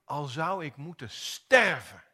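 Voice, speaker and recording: A man's voice: on the high side, very animated, slow, sharp tone, husky, exaggerated voice. A man voicing an impulsive male fisherman disciple who blusters and denies in a retold story from the pulpit. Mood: boastful. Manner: blustering denials, later broken.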